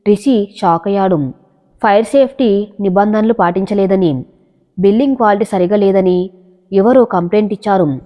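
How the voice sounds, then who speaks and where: A woman narrating a dramatic story in a steady storytelling manner, with long echoey reverb. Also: mid-range voice, moderate pace, muffled recording.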